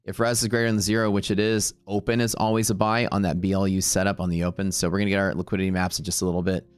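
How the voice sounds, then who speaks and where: A man's voice: sits low, flat delivery, racing, clean tone. A man hosting a live trading stream, talking casually and rambling, laughing often.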